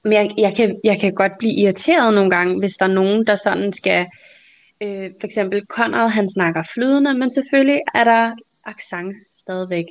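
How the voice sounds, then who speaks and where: A Danish woman in mid-pitched, everyday chat, animated and quick to laugh. She co-hosts a conversational podcast and tells stories casually. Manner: chatty, animated, laughs often. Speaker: podcast co-host.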